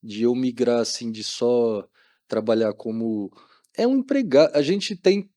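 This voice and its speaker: A middle-aged doctor from Maringá, Brazil, chats informally as a guest in a casual podcast interview, peppering his speech with colloquial tags. His mid-range voice is expressive and dark-toned, at a measured pace, with no room sound.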